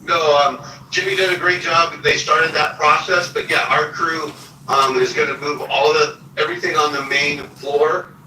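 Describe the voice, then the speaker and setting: A man's voice: fairly high pitch, moderate pace. Contractor man over a speakerphone. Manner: steady, matter-of-fact, with frequent ums. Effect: heard over a speakerphone. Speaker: restoration contractor. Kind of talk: spoken project update. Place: county meeting room, via phone. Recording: speakerphone in an echoey meeting room, distant and noisy.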